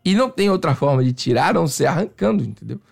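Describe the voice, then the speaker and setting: A man's voice: a little high, big pitch swings, fast talker, vocal fry. A man from Salvador, telling a story in casual podcast chat and acting out voices and sound effects. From Salvador, Brazil. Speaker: podcast guest.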